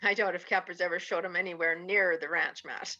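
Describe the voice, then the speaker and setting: Woman acting Kitty, a bright-voiced frontier gossip. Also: fairly low pitch, fairly even intonation, brisk. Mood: knowing, teasing. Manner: casual, pointed, questioning. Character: Kitty, knowing, gossipy western saloon woman. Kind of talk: old western radio drama acting. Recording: slightly dull recording, guitar music behind.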